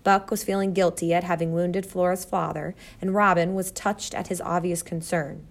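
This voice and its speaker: A woman's voice: lowish voice, fairly even intonation, moderate pace, creaky. A woman narrating a children's storybook steadily. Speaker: audiobook narrator.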